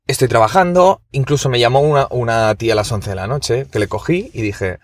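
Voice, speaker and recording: A young man with a Spanish accent from Spain hosts a laid-back podcast chat. He speaks at an ordinary middle pitch. He swears easily and addresses the listeners directly as mates. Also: fairly quick, no echo. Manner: swears freely, calls listeners chavales. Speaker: podcast host.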